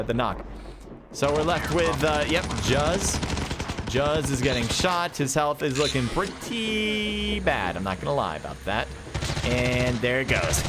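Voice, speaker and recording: A man doing live play-by-play commentary on an esports match, calling action quickly and excitedly with chatty asides to himself. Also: a little high, very noisy. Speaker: esports caster. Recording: game gunfire and vehicles behind voice.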